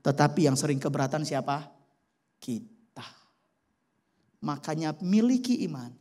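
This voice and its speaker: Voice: medium pitch, very animated, measured pace, warm tone. A pastor preaching a sermon and telling a story with animation, often addressing the congregation directly. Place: church service.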